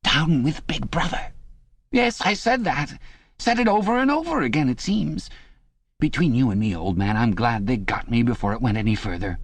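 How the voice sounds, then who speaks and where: A man voicing a frightened, servile middle-aged man who pleads in a high, nearly blubbering voice. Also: animated, moderate pace, no echo. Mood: confiding, then proud. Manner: fawning, jittery, self-justifying.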